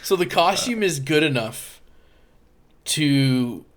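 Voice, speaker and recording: A man's voice: a little high, expressive. A man co-hosting a podcast in casual chat, talking loosely and filling his sentences with "like". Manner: chatty, full of "like" and quick interjections. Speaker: podcast co-host.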